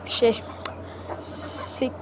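A woman chatting casually to her viewers from a chicken coop, talking to them like friends and bluntly scolding the animals around her. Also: extremely slow. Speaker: vlogger. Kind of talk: casual vlog chat. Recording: loud farmyard noise with clucking birds.

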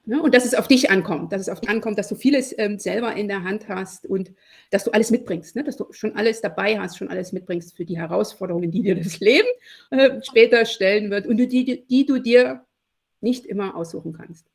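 Gravelly-voiced woman in her forties on a video call. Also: mid-range voice, fairly quick. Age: 40s. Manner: reflective, many fillers, frequent "ne?". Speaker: podcast guest, lawyer and networking expert. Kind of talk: casual conversational interview. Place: home room with shelves.

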